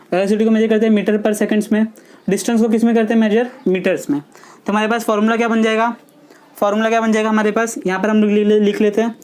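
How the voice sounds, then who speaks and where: A woman's voice: medium pitch, dark tone. Woman teaching physics in a questioning style. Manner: asks the class questions and answers them herself; checks understanding with short tags like "theek hai". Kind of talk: classroom lesson at a board.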